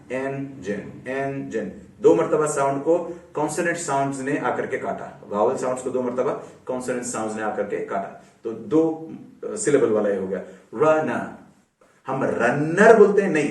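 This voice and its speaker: Man teaching pronunciation in an echoey room. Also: fairly high pitch. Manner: repeats example words slowly, drawn out; mixes English terms into Hindi explanation. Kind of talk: explanatory lesson. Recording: roomy echo, voice a bit far from mic.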